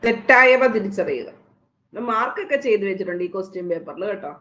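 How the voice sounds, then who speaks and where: A woman teacher with a Malayali accent runs through exam answers, chatty and quick, stopping to quiz her students. Her voice has an ordinary middle pitch and sits in a roomy space. The sound is dull, like a lo-fi online class. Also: animated, a bit bright. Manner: quick, conversational, quizzing students.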